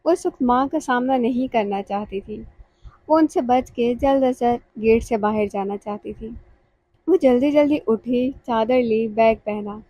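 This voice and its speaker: Mellow, high-voiced woman narrating a novel. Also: no room sound, low-quality recording. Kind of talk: scripted audiobook narration.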